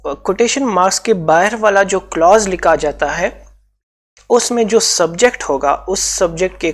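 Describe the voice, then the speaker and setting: A man's voice: sits high, vocal fry. A man with a Pakistani accent teaching a grammar lesson for exam preparation, explaining step by step and repeating key points.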